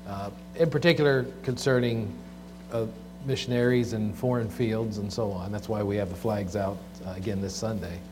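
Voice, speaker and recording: A man preaching at a pulpit microphone, reading scripture aloud in a measured way with fillers and restarts. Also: medium pitch. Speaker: pastor.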